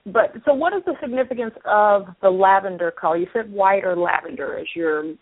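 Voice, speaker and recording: Female interview host, conversational, mid-pitched, on a narrow telephone-like radio feed. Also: brisk, a crowd in the background. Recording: thin, phone-like radio sound.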